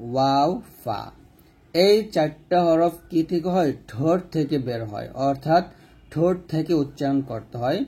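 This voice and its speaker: A man with a Bangladeshi Bengali accent teaching a step-by-step recitation lesson, repeating each rule and drilling letters slowly. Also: a little high, gravelly, warm tone, breathy edge. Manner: repeats rules and drills letters slowly, asks questions to the viewer. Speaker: Quran reading teacher.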